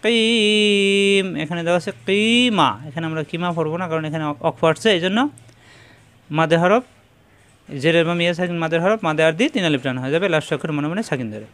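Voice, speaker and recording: A man teaching Quran pronunciation, sounding out each syllable slowly and methodically and now and then chanting a verse. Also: a little high. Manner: breaks into slow chanted recitation. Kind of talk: tajweed pronunciation lesson.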